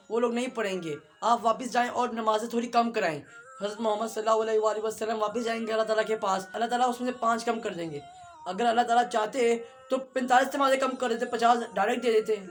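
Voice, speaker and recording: A man vlogger earnestly retelling a religious story and speaking straight to his viewers. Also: very high-pitched. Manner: earnest, fast storytelling with direct address to viewers.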